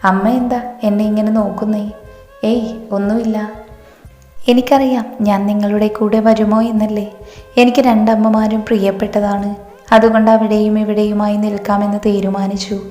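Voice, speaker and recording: A woman's voice: mid-range voice, little pitch movement, normal speed, mellow, lightly acted. A woman voicing a playful, cheeky young woman who teases her family. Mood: teasing. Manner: teasing, chatty. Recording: roomy hall reverb, faint music.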